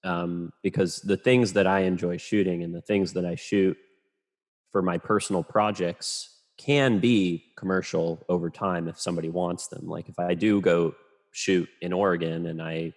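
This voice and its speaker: A man, a photographer, talking casually and rambling in a relaxed, self-deprecating way as a podcast guest. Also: deep voice, moderate pace.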